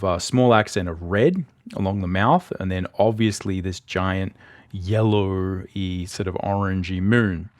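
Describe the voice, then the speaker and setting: A man's voice: on the low side, dry recording, studio quality. A man teaching illustration, talking through images in a loose, conversational way with frequent fillers and restarts. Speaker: art instructor. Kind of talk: casual explanatory commentary over images.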